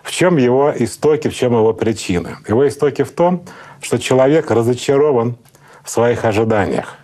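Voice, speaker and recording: A middle-aged man, a psychotherapist, calmly explaining in an interview in a lecturing manner. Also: medium pitch, fairly quick. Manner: calm, lecturing, acts out example speakers. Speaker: psychotherapist guest.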